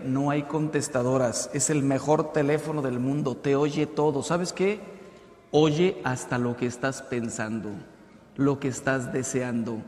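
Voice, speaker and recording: A Mexican man in his fifties, a priest giving a lively, conversational sermon with acted-out jokes. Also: a little high. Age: 50s. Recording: echoey hall reverb.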